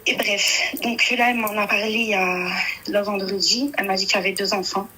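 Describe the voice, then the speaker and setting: A young woman calling a radio show, shaken and hesitant, halting with many fillers. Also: mid-range voice, steady tone, bright, forceful tone, rough recording. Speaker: caller. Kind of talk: phone-in confession.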